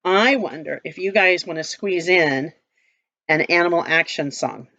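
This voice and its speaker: A woman's voice: sits low, measured pace, bright, forceful tone, dry recording, lo-fi sound. A woman leading circle time as a teacher, talking and reading to toddlers in simple, repeated phrases and questions. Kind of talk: reading and singing along to young children.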